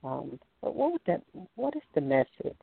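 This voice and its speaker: Woman, call-in show caller, phone line, very low voice, hesitant and polite. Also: sing-song, moderate pace, gravelly, husky, no room sound. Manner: hesitant, polite, many um fillers. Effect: caller heard over a phone line on a call-in show.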